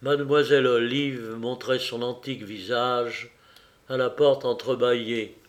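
A man narrating a classic novel in a measured, steady reading voice. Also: mid-range voice. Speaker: audiobook narrator.

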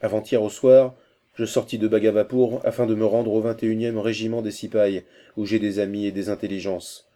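A man's voice: lowish voice, level tone, a little fast, mellow, lightly acted. A man voicing a fierce, scornful messenger. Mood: scornful report. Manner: urgent, scornful, savage laughter. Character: fierce, vengeful male Indian messenger.

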